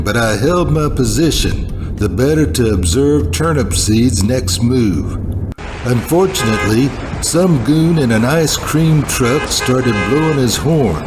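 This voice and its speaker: A man puts on a hardboiled noir hero narrating a parody radio drama. He is deadpan, terse and slangy, with a mid-pitched voice and prominent music underneath. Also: close to an everyday voice. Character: self-important hardboiled male private-eye type, slangy bank manager. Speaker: narrator and lead character.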